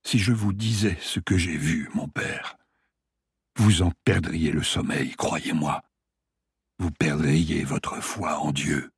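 A man's voice: very deep voice, fairly even intonation, slow pace, no room sound, studio quality, heavily acted. A man voicing a frail dying old man. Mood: ominous. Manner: weak, hushed, breathy delivery.

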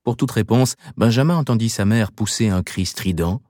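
A man reading a novel aloud as audiobook narration, with measured, varied delivery. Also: lowish voice, darkish tone, dry recording, clean studio sound. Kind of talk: scripted narration.

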